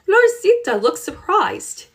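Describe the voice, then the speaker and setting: A woman reading a children's chapter book aloud with expressive, unhurried storytelling. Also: extremely high pitch. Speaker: reader.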